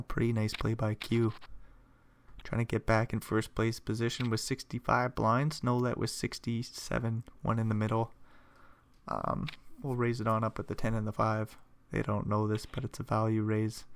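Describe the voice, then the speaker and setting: Gravelly-voiced man calling poker hands. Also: fairly low pitch, a little hiss or hum. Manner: relaxed, chatty, thinks aloud with playful asides. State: hiccuping and yawning. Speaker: poker commentator. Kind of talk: solo play-by-play commentary.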